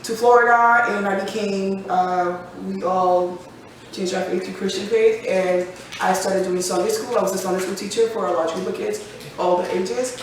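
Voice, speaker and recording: A woman's voice: medium pitch, fairly even intonation, moderate pace, a little hiss or hum. A woman in her forties co-hosting a podcast in casual chat, joking and laughing often. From United States. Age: 40s. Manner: chatty, laughs often, jokes. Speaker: podcast co-host. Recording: echoey room from far off.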